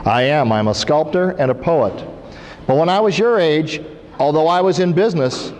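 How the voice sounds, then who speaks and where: Guest speaker, middle-aged man, chatty and quizzing the crowd, slightly high voice, long hall reverb. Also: a little mellow. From Iowa, USA. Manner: conversational, asks the audience questions. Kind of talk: interactive talk to a school audience. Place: school hall. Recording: reverberant 1990s hall recording with faint hiss.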